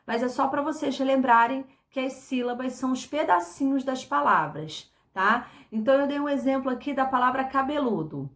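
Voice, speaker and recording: A woman with a Brazilian Portuguese accent teaching a recorded online class, speaking slowly and patiently, repeating words syllable by syllable and checking in with short tag questions. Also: high-pitched, fairly bright tone.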